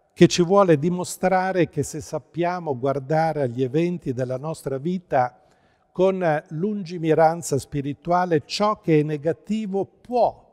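A middle-aged Italian man preaching a sermon as pastor, with slow, measured phrasing and emphatic stresses, recorded in a church before a pipe organ. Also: on the high side, a little mellow. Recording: long church reverb.

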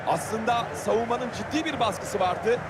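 A man's voice: very high voice, measured pace. A man giving analysis as co-commentator on a video game football match. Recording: loud stadium crowd noise behind voice. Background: roaring stadium crowd.

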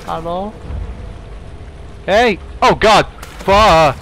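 A man's voice: fairly high pitch, a little slow, fairly bright tone, a little hiss or hum. A young man giving casual let's play commentary, rambling and apologetic, yelping when scared.

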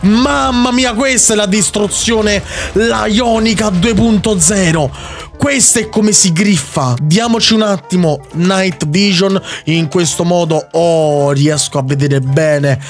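A young man giving excitable gameplay commentary, repeating himself rapidly and teasing his opponent. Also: sits high, soft background music. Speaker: Minecraft YouTuber.

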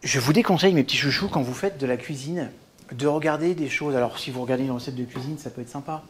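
A man and wellness coach giving a cooking demonstration in a kitchen, talking viewers through each step in a gentle, instructive way and calling them by fond pet names. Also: medium pitch, quick pace, slight background noise. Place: home kitchen at the stove. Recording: food sizzling in the pan behind.

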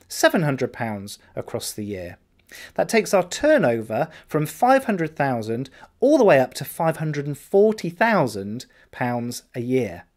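A man in his forties, a salon business coach, talking to camera and walking through pricing figures step by step in an upbeat, explanatory way. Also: mid-range voice. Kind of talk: direct-to-camera business tutorial. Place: indoor room with decorated wall.

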